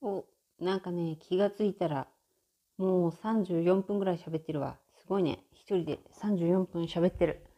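A woman's voice: on the low side, moderate pace. A woman hosting a casual solo audio chat, chatty and often laughing. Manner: chatty, frequent laughter, animated shifts in tone. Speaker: podcast host.

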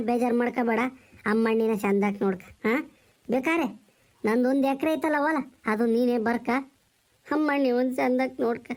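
Tearful pleading brother, high voice, a man acting it out. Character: emotional middle-aged brother begging for his sister's care.

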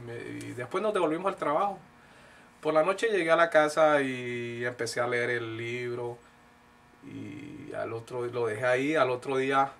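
Middle-aged man from Colombia, earnest to-camera talk, mid-pitched, faint background hiss. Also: a bit bright. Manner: earnest, gestures a lot, frequent fillers and restarts. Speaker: speaker giving a personal talk. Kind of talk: casual direct-to-camera talk. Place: indoor studio with blue backdrop.

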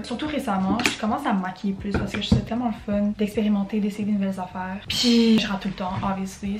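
Young Québécoise vlogger, casual get-ready chat, slangy and swears, roomy room echo. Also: female voice, mid-range voice. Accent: Quebec French. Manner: chatty, mixes in English slang and swears. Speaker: beauty vlogger. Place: at home in front of a mirror. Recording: roomy echo, faint music.

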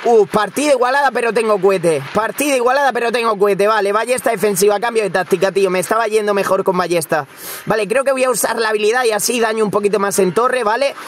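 Excitable young gaming commentator man. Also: high-pitched, fast, slight background noise. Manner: excitable, frequent shouting and repeated words. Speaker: gaming streamer. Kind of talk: live gameplay commentary.

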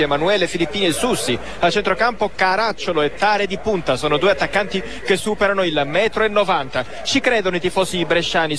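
A man doing live radio football commentary, rattling off scores and line-ups crisply and fast. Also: sits high. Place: open-air football stadium.

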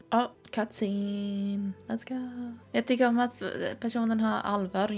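A chatty young woman from southern Sweden talks through her gameplay, giggling often and gushing over what she sees. Her voice carries a gravelly, creaky texture at a middle pitch. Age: 20s. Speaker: gaming streamer. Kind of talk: casual gameplay commentary.

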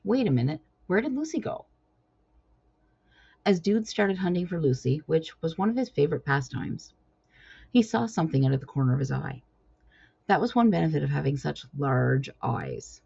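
Low, gravelly-voiced woman reading a storybook. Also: normal speed. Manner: expressive reading aloud. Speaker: author reading her own book. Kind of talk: storybook narration. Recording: dull lo-fi recording.

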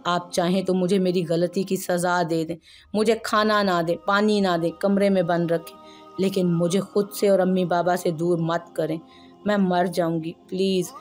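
A woman's voice: on the low side, fairly even intonation, normal speed, soft background music, natural voice. A woman voicing a frightened young wife in a storybook reading, stammering and pleading.

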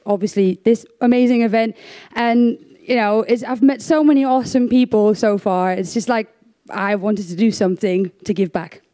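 On a conference stage, a young Dutch woman gives her talk in a chatty, self-deprecating way, full of fillers and restarts. Her voice is a little high and mellow.

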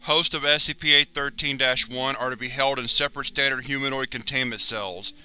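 A man reading a wiki entry aloud as a narrator, in a steady, formal, clinical way. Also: medium pitch, brisk, smooth, faint music behind.

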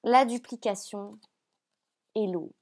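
A French woman giving a spiritual card reading to the viewer, speaking softly and hesitantly, often repeating phrases with many fillers. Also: mid-range voice, takes it slowly, heavy background noise. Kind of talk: channeled reading, addressing viewer.

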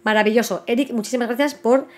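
A young woman hosting a casual live stream, chatting excitedly and stumbling over her words in constant restarts. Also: on the high side, fast talker. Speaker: host of a live book news stream.

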